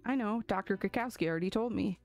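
A woman's voice: medium pitch, quick pace, a little mellow, soft background music, close to an everyday voice. Woman playing a chatty young pig girl. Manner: chatty, rambling.

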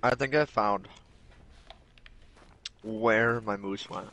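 A man chatting with a friend over voice chat during a game, in relaxed, chummy banter. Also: on the low side, slow pace. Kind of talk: casual chat.

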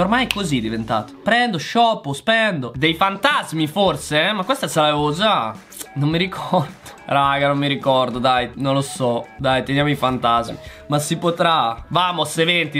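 A man hosting a casual gameplay video, talking excitably and straight to his viewers while his voice goes a little hoarse. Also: fairly high pitch, normal speed, faint music behind. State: voice going hoarse. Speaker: gaming channel host.

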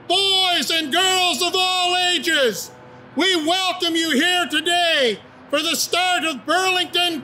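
An older man delivering a loud, declamatory town crier proclamation outdoors, with ceremonial, drawn-out phrases. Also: very high voice, slight background noise, rough recording. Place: outdoors in an open paved yard beside a building.

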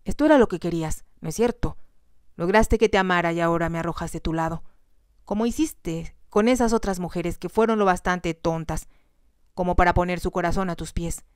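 Woman reading a heartbroken young bride, softly pleading. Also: on the low side, brisk, smooth, no echo, studio quality, lightly acted. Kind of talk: whispered role-play.

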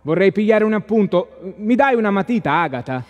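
A man's voice: high-pitched, lively intonation, fairly quick, darkish tone, long reverb tail, lo-fi sound, pitched above the performer's own voice. A man reading a casual, evasive young cousin.

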